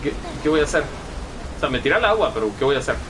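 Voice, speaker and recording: A man's voice: fairly high pitch, big pitch swings, very fast, background noise. A young man with a Guatemalan Spanish accent giving profane, chatty live gameplay commentary and reading chat messages aloud. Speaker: gaming streamer.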